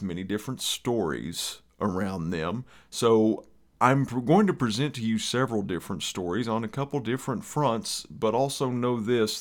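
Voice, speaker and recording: A man with an Eastern Kentucky accent hosting a podcast in a conversational, rambling way with folksy asides. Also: fairly low pitch. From Eastern Kentucky, USA. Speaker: podcast host.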